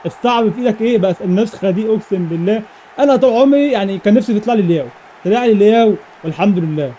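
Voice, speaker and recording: Rapid-fire excitable Egyptian gamer guy. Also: sits high, a little hiss or hum. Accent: Egyptian Arabic. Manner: excitable, repeats exclamations rapidly. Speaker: gaming YouTuber. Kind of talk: live gameplay commentary.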